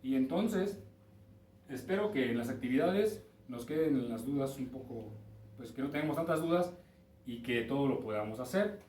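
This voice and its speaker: Lively Mexican man teaching English grammar. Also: medium pitch, moderate pace, distant mic, slight background noise. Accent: Mexican Spanish. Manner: patient, explains step by step, checks in with students. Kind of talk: recorded class lesson. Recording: roomy, from off-mic with faint ambience.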